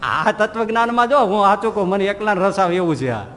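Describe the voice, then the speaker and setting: A man's voice: high voice, fast. A man speaks, preaching and slipping into comic stories where he acts out each character. His sermon rings through a hall with a long echo, and faint noise sits underneath. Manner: lively storyteller, acts out characters' lines and chuckles at his own jokes. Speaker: swami giving a scripture discourse. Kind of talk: sermon with humorous anecdotes.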